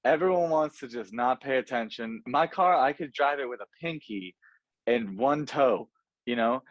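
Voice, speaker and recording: American dude on a podcast, total frat bro talk, swears, chatty, kinda muffled dry sound. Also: male voice, medium pitch, lively intonation, normal speed, dry recording. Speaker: car podcast co-host. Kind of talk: casual podcast chat. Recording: slightly dull, lo-fi audio.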